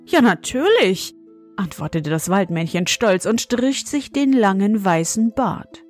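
A woman reading a children's story aloud in a calm, measured narration. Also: mid-range voice, faint music behind.

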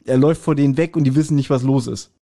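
A man's voice: medium pitch, fairly even intonation, very fast, warm tone. A man co-hosting a podcast, casually retelling and discussing an audio drama episode, often laughing. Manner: chatty, retells the plot with frequent laughs. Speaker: podcast co-host.

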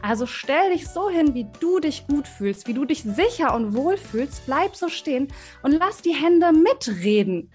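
A woman's voice: high voice, sing-song, measured pace, soft background music. A woman, a voice expert, explaining to children in an interview and speaking to them directly and encouragingly. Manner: warm, encouraging, speaks directly to kids with vivid examples. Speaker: voice and communication expert, guest.

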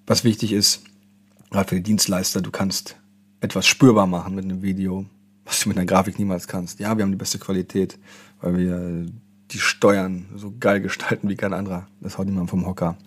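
A man hosting a solo marketing podcast, talking conversationally and addressing the listener directly with tag questions. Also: deep voice. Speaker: podcast host, marketing consultant.

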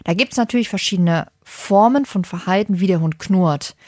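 A woman, a dog coach, explaining dog behavior in a relaxed podcast chat with everyday examples. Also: mid-range voice, moderate pace, dry recording, clean studio sound.

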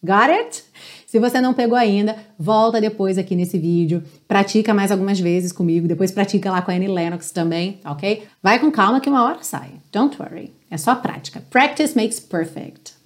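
A Brazilian woman, an English teacher whose first language is Portuguese, gives a friendly pronunciation lesson, checking in often and slowly singing lyric lines to demonstrate. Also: mid-range voice, darkish tone.

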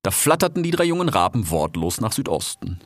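A man narrating a storybook in long, winding descriptive sentences. His voice sits on the lower side and moves with lively melody. The sound is close and dry. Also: brisk, no room sound.

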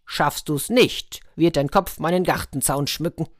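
A woman voicing a gruff, menacing male giant in a fairy tale, speaking loudly and bossily. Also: deep voice, measured pace, no room sound, studio quality.

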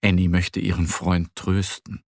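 A man gently and expressively reading a children's story aloud. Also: low voice, level tone, unhurried, no echo, clean studio sound. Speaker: narrator.

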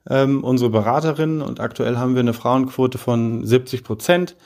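Measured middle-aged man, many fillers. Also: medium pitch, darkish tone. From Heidelberg, Germany. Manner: measured, hesitant with frequent fillers. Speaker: podcast guest, business consultant. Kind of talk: podcast interview.

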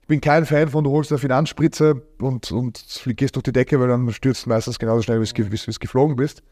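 A man in his thirties, an agency founder, talking casually in an interview with many fillers. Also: mid-range voice. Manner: fast, animated, many fillers.

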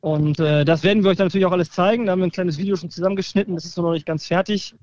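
A fan blogger phones in live from training camp, his voice fairly high on a dull, dry line with no echo. He describes the scene in a relaxed, chatty manner, pausing and using fillers.

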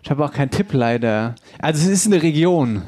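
A man hosting a podcast, joking in quick banter and often restarting his sentences. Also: mid-range voice, expressive, darkish tone. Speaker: podcast host. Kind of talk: casual chat.

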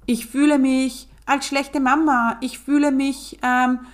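Tired young mum spilling her feelings, hesitant, lots of pauses, fairly high voice, a woman doing her. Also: level tone. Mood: weary. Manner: confiding, hesitant, searching for words. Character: weary, struggling young mother and client.

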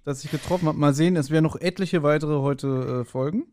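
A male podcast co-host with a slightly high, slightly mellow voice talks fast in casual chat. He speculates about an audio drama in a playfully confident, teasing way.

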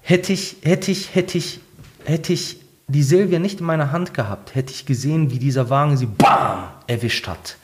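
Speaking at normal speed in a fairly high voice, a man shares his life story as a guest, using plenty of fillers and "ich so" in colloquial speech. He acts out quoted lines, switching voices as he goes.

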